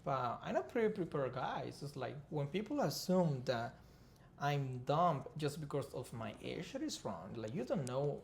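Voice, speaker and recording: A man's voice: fairly high pitch, sing-song, normal speed, gravelly, a little mellow, a little hiss or hum. A man from Colombia with a Colombian Spanish accent, a Spanish native speaker talking earnestly as a podcast co-host in casual chat.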